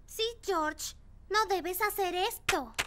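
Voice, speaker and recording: A woman's voice: extremely high pitch, takes it slowly, background noise. A woman voicing a cheerful, eager, bossy little girl pig in a children's cartoon dub.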